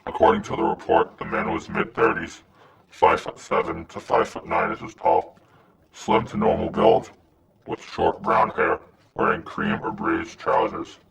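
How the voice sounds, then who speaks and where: A man reading a scripted anonymous message in a disguised, pitched-down voice. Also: very animated, measured pace, over a noisy crowd. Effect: disguised voice, pitched down and gravelly. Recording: noisy, distant-sounding recording.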